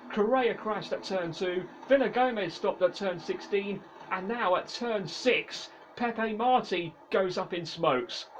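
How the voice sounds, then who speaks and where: High voice, motorsport commentator, dramatic play-by-play, punchy phrases, dull lo-fi sound, clear background noise. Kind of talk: excited race commentary.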